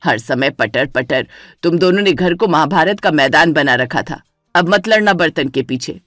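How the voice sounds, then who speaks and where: A woman voicing a stern, commanding older mother-in-law in a dramatized story, scolding in a lower voice. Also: expressive, normal speed, fairly bright tone, no room sound, studio quality, faint music behind. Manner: scolding and authoritative.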